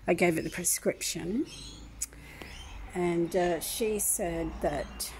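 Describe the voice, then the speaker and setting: Older woman, casual home vlogger, low-ish voice, meandering aggrieved storytelling, faint room hum. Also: slow pace, a little mellow, poor audio. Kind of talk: casual rambling monologue. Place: home kitchen.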